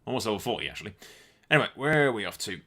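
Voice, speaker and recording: A man's voice: lowish voice, big pitch swings, racing, pushed and bright, a little hiss or hum. A man giving casual, sarcastic gameplay commentary and swearing freely as he goes. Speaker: let's play host.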